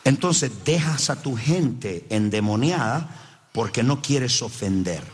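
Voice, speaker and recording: A man's voice: medium pitch, lively intonation, takes it slowly, breathy edge. A man preaching a sermon, speaking emphatically and addressing the congregation directly. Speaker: pastor.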